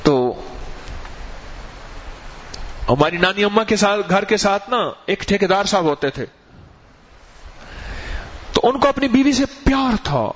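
A male preacher telling a story in a sermon, animated, and acting out the dialogue of the people in it. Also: sits high, pauses often, a little hiss or hum. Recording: muffled, lo-fi recording.

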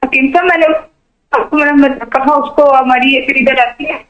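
A woman calling in over a mobile phone line that keeps breaking up, speaking in halting, broken-off phrases. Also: sits high, steady tone, fairly bright tone, reverberant. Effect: phone call breaking up. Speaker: caller. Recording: muffled phone line, cutting out.

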